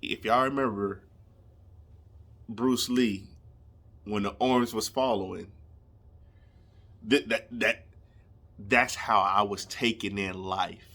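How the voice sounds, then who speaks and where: A man's voice: fairly low pitch, steady tone, takes it slowly, long pauses, sharp tone. A young man, telling a comedic story casually and animatedly, laughing and acting out scenes. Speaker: storyteller vlogger.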